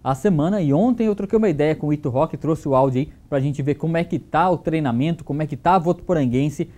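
A man's voice: fairly high pitch, quick pace, warm tone. A man in his thirties giving a sports report in a TV news studio, talking loosely with fillers into a lapel mic. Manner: loose, conversational delivery with fillers.

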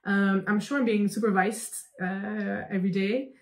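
A young woman from Belgium, a company founder answering interview questions over a video call, talking in an animated way with many fillers and restarts. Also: medium pitch, moderate pace. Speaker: guest, founder. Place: room at home.

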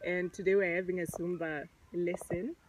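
A woman's voice: on the low side, level tone, moderate pace, slight background noise, rough recording. A young Zimbabwean woman with a Zimbabwean accent, chatting casually into a phone held at arm's length as she vlogs outdoors and in a car, switching between English and Shona. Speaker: vlogger. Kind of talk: casual vlog chat. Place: outdoors at a rural school and in a car.

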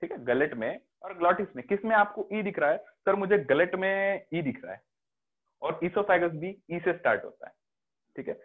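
Over phone-like video call audio, a man with an Indian accent leads a biology class in a mix of Hindi and English, often checking that students are following. His voice is high-pitched and animated at a moderate pace.

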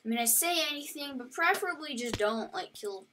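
A woman giving casual, excitable and rambling commentary while she plays a video game. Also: high-pitched, fairly quick, very noisy. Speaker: gaming commentator. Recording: voice set back from the mic over loud game music.

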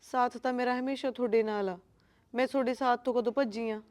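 A woman plays a loyal young wife with a Punjabi accent, quiet and earnest, wounded by her in-laws' taunts. Her voice sits high. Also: steady tone, fairly quick, close to an everyday voice. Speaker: young wife who eloped. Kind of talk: Punjabi short-film acting.

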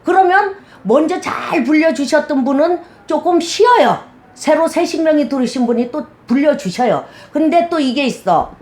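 Blunt, animated woman shaman talking. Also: high-pitched, normal speed. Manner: blunt, animated storytelling with quoted dialogue. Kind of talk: casual interview talk.

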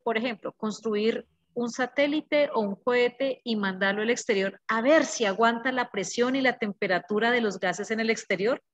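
A woman's voice: on the high side, normal speed, dull audio. A woman teacher, giving a class lecture. She explains patiently, repeats the key words and checks in with her students.

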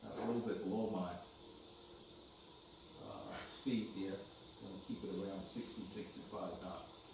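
Low-voiced man talking from across an echoey room. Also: vocal fry. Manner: relaxed, halting commentary with fillers. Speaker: flight sim hobbyist demonstrating his home cockpit. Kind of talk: casual narration while flying a simulator. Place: dim room at home, seated at a DIY cockpit. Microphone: far camera behind him. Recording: echoey room, distant mic, faint hum.

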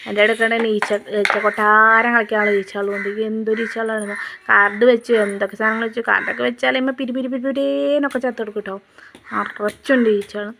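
A woman's voice: on the high side, gravelly, background noise. A young woman, chatting homely voice-over narration for her family vlog and addressing viewers directly. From Kerala, India. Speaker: family vlogger.

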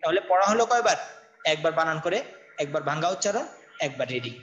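High-voiced man drilling letter spelling. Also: big pitch swings, a bit bright, dull audio. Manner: spells letters and vowels slowly in a drilled, repetitive chant. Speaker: Quran recitation teacher. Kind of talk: online tajweed lesson.

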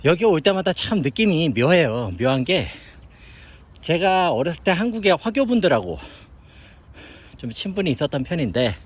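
Middle-aged Korean man, outdoor walking vlog, lively rising and falling speech. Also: a little high. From South Korea. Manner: chatty, musing aloud while hiking. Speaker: vlogger living in China. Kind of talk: casual walking commentary. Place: outdoors on a hillside park.

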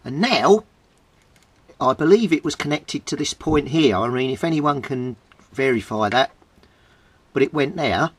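This British man talks in a medium pitch with lively intonation, unhurried and pausing often, his voice husky and free of echo. He's a hobbyist at a home workbench indoors, handling equipment and thinking aloud in an informal, explanatory repair vlog.

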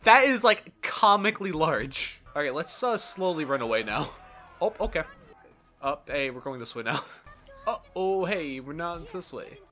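A man gives joking gameplay commentary in a bright, slightly high voice. He is highly animated and sarcastic, overplaying his exclamations with mock exasperation. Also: a little slow, soft background music. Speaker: gameplay video host.

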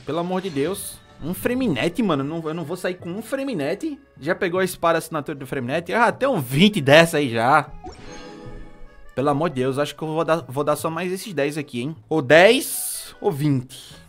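Brazilian man streaming, animated, fairly high voice, quiet music underneath. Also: normal speed. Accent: Brazilian Portuguese. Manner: excitable, pleading and groaning at results. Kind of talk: live gacha-pull commentary.

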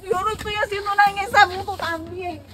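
A woman's voice: very high voice, steady tone, a little fast. A young woman pleading defensively on a sunny street outdoors, asking the same questions again and again. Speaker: vlogger wife. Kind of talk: staged street argument. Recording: very loud music underneath.

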